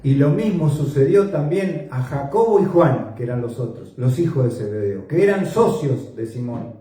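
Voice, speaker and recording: A male pastor, preaching a sermon slowly and emphatically, his voice often rising sharply in pitch and force. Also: expressive, warm tone. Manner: slow, emphatic preaching with sudden rises in pitch and volume. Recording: echoey church hall, voice from a distance.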